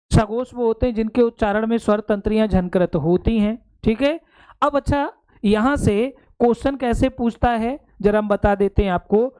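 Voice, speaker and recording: एक पुरुष हिंदी शिक्षक, जो परीक्षा की तैयारी के लिए कक्षा में समझाता है और बार-बार पूछता है कि बात समझ आई या नहीं।. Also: male voice, high-pitched, a little mellow, smooth. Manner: explains step by step, keeps checking understanding; addresses students fondly as "beta". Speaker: Hindi teacher. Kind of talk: exam-prep classroom lecture.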